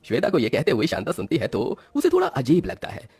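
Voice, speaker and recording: A man narrating a cartoon story as a lively storyteller. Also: medium pitch, quick pace, gravelly, slightly rough, no room sound, studio quality.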